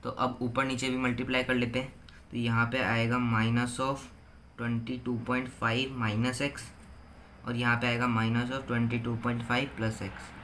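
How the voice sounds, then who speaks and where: A teenage boy tutors a physics problem, walking through each step and reading numbers out slowly. His voice stays flat with little rise and fall, at a middling pitch. A faint hiss sits under the recording. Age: teens. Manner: slow, step-by-step, reads numbers out one by one. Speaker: student tutor.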